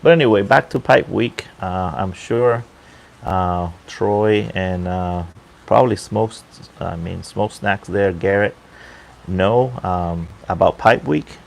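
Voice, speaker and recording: Low, gravelly man chatting at night. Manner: halting, unhurried, keeping his voice down. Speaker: livestream host and pipe hobbyist. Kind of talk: casual off-the-cuff livestream chat. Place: outdoor balcony at night near a pool. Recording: faint water noise in background.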